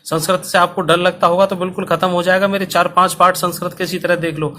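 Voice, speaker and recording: A male teacher explaining a Sanskrit lesson to school students, speaking slowly and deliberately so they can write along. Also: high voice, level tone, bright, forceful tone, slight background noise. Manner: slow, dictation-paced explanation. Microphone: recorded for online video.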